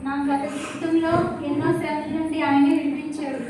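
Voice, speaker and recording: Brief: woman voicing a consoling church friend, high voice, distant echoey room with noise. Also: flat delivery, a little fast, close to an everyday voice. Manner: gentle, consoling. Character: kind churchgoing female friend. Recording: echoey room from far off, noisy.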